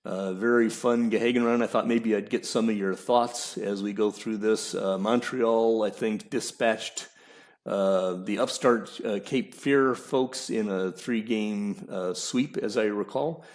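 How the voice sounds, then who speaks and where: A man hosting a casual podcast chat, relaxed and hesitant, with many fillers. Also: lowish voice, unhurried. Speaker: podcast host.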